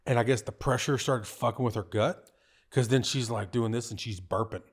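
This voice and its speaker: A man's voice: medium pitch, moderate pace, slightly rough. A man with a kid of his own, a tattoo artist guest on a podcast, telling a story casually, with lots of swearing and laughing. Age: adult parent. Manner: animated, profane, laughs often.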